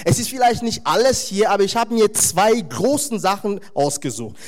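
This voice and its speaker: A male preacher delivering a sermon with a high voice that leaps up and down all the time. He talks emphatically to his listeners and drops in wry, humorous asides. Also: big pitch swings, normal speed.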